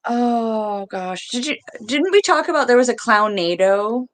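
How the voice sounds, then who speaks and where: A woman's voice: a little high, lively intonation, unhurried. A woman from Mississippi co-hosting a casual horror podcast, laughing often and giving short agreeing replies. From Mississippi, US South. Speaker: podcast co-host.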